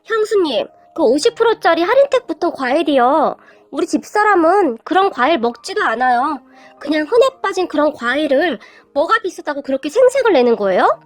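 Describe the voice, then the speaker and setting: A woman voicing a blunt, combative young husband who talks in a loud, snappish way. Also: extremely high pitch, big pitch swings, moderate pace, faint music behind. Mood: angry, sulky.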